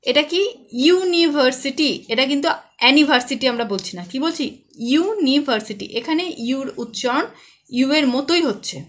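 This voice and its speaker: A woman teacher with a high voice and a West Bengal Bengali accent walks young pupils through an English lesson. She talks patiently, poses a question, then gives the answer herself. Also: fairly bright tone. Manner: patient, asks and answers her own questions. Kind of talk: explaining a children's English lesson.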